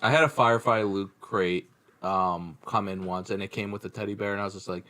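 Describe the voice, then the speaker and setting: Excitable man in casual podcast chat. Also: lowish voice, fairly quick. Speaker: podcast co-host.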